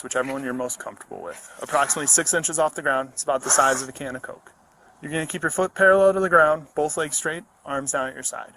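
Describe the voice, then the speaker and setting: Male cop, bodycam audio, roadside at night, procedural and even, slightly higher-pitched voice, faint background hum. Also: low-quality recording. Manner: steady, procedural, explains step by step. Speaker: police officer. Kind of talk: giving field sobriety test instructions. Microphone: body-worn camera.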